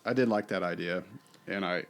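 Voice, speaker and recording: A man's voice: deep voice, fairly quick. Hammy middle-aged man podcast co-host. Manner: theatrical, hammy, mock-grand. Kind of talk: casual chat.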